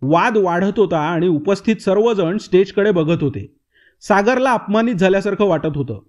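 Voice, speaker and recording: High-voiced male novel narrator. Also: animated, normal speed, a little mellow. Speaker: audiobook narrator.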